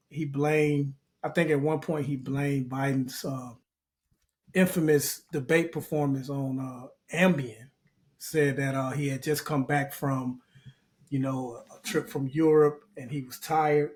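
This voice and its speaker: A man's voice: medium pitch, steady tone, a little slow, darkish tone. A man co-hosting a barbershop-style podcast in casual chat, loose and joking with slang. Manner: loose, joking, uses slang like bro and fam. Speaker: podcast co-host.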